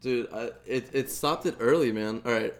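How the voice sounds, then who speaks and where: A young man streams a game from his room at home and talks casually to his chat at an ordinary pitch. He trips over his words and repeats himself as he talks. Keyboard clatter and a faint hiss sit under his voice. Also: moderate pace.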